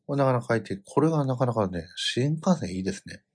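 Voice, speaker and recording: A middle-aged man with a Kansai accent, telling a family travel story in casual chat, animated and given to loud outbursts. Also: medium pitch, fast talker, breathy edge.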